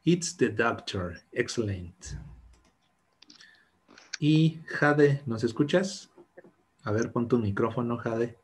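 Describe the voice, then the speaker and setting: A man's voice: mid-range voice, takes it slowly, long pauses, breathy edge. A man teaching English to children in an online class, patient and encouraging, mixing English and Spanish. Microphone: video call.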